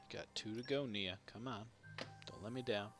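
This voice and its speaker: A man giving casual, wry running commentary while streaming a video game, reacting aloud to each result. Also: fairly low pitch.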